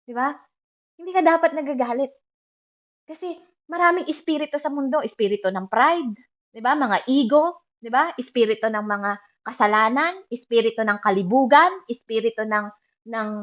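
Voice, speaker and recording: Higher-voiced woman preaching a sermon. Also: animated, moderate pace, pauses often, lo-fi sound. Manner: speaks in Filipino mixed with English phrases, asking the listeners for agreement often.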